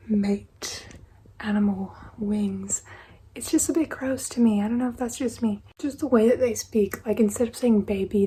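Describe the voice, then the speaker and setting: Young woman, soft half-whisper. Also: fairly high pitch, slight background noise, rough recording. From Australia. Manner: frank, chatty, often half-whispered. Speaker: vlogger. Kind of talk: casual vlog chat.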